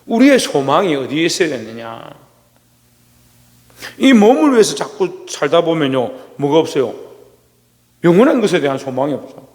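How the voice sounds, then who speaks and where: Korean pastor preaching in an echoing church. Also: male voice, very animated, moderate pace, pauses often. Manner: asks the congregation questions and answers them himself; swings between loud, rising exclamations and low asides. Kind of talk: sermon. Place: church sanctuary. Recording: long reverb of a church hall.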